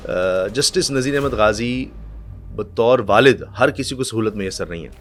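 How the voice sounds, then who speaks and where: A middle-aged man from Pakistan, a news anchor telling stories in a podcast chat, acting out quotes and reciting verse slowly. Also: lowish voice, faint music behind.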